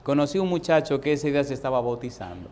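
A man preaching a sermon as a pastor, emphatic, asking repeated rhetorical questions and dropping soft for stories. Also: medium pitch, very animated, fast talker, a little hiss or hum.

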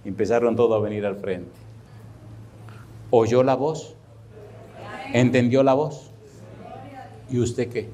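Male pastor, sermon delivery, animated, voices the people in his anecdotes. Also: medium pitch, takes it slowly, long pauses. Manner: animated preaching, repeats rhetorical questions; acts out dialogue in anecdotes.

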